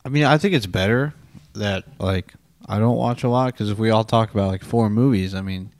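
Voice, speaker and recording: A young man co-hosts a podcast, his voice on the low side and fairly quick with no echo. He chats casually about movies, joking and self-deprecating in a laid-back way, like a relaxed film review conversation.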